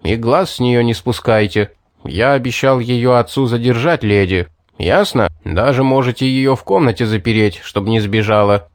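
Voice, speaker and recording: A man voicing a blunt, tired town judge in a fantasy audiobook, gruff and matter-of-fact. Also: medium pitch, normal speed, no room sound, studio quality, close to an everyday voice. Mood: weary. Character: weary, blunt middle-aged town judge.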